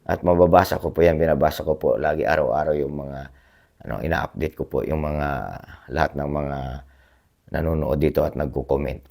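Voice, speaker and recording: Hoarse, deep-voiced man chatting to viewers. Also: fairly even intonation, brisk, a little mellow. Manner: polite, frequent tag questions, rambling. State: hoarse from a cough. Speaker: blogger reading viewer comments. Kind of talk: casual livestream-style chat.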